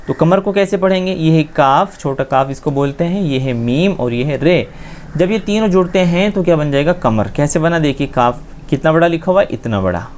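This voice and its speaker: A man's voice: fairly high pitch, darkish tone. A man teaching a beginners' script lesson, patiently spelling out letters and asking questions that he answers himself. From India. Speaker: Urdu teacher.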